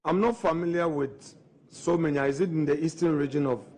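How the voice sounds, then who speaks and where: A higher-voiced man leads formal questioning at a parliamentary hearing. He drags out key phrases slowly and deliberately. He keeps returning to the same point, pushing for a clear answer. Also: darkish tone. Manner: slow, deliberate, pressing questions. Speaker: committee member questioning the nominee.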